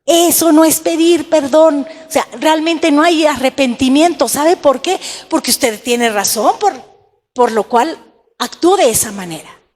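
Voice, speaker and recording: A woman's voice: sits high, measured pace, big-room sound. A woman pastor preaching a sermon in an emphatic way, asking the congregation rhetorical questions.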